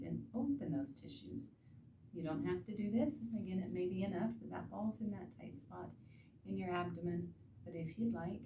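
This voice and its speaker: A soft-spoken woman instructor leads a guided body-awareness and stretching lesson in a soothing, gentle manner, pausing between short instructions. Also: lowish voice. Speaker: instructor guiding self-treatment bodywork. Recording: roomy, distant mic with background noise.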